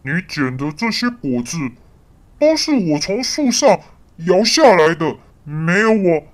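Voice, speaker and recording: A woman voicing a tall, boastful giraffe in a children's story, loud, bossy and scornful. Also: fairly low pitch, sing-song, a little slow.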